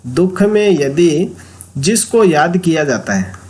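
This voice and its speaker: Slow, methodical Hindi-accented male tutor. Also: a little high, sing-song, a little mellow. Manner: slow, explanatory, repeats key terms. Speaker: Sanskrit exam tutor. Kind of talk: recorded exam-prep lesson.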